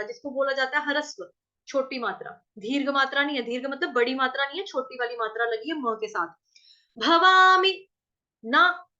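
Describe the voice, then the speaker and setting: A woman teaching Sanskrit verse pronunciation, patiently repeating syllables, chanting lines slowly and asking if everyone follows. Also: sits high, sharp tone, lo-fi sound. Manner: patient, repeats syllables and asks checking questions. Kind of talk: recitation lesson with chanted verse examples.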